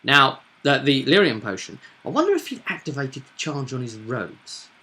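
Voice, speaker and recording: A game master casually recaps and explains a tabletop roleplaying session, thinking aloud in a halting way. His mid-range voice is very animated with a sharp tone.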